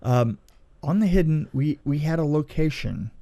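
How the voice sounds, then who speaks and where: Fairly high-pitched and creaky, this middle-aged man's voice keeps a normal pace as he shares casual anecdotes on a podcast. A veteran of film effects, he retells events with animation, repeated phrases, and acted-out quotes.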